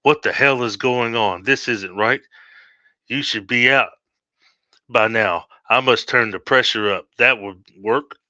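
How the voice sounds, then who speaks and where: A man voicing a desperate, terrified farmer, pleading in strained shouts, on a dull lo-fi recording. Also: medium pitch, a little slow, dry recording. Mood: bewildered.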